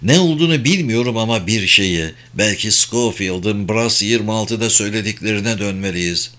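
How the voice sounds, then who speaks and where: Blunt, impatient male agent in a storybook, low and forceful, read by a male narrator. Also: normal speed, natural voice. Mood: urgent.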